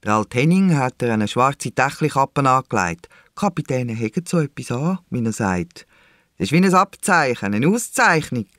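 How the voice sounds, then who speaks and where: A man's voice: medium pitch, moderate pace, no room sound, clean studio sound. A man with a Swiss German accent narrating a children's radio play. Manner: lively storytelling.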